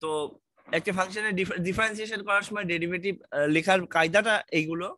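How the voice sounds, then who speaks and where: Bright-voiced Bangladeshi math lecturer, man. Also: sits high, fairly even intonation, quick pace, no room sound. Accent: Bangladeshi Bengali. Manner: reassuring, asks students questions, mixes English terms. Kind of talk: online lecture, casual explaining.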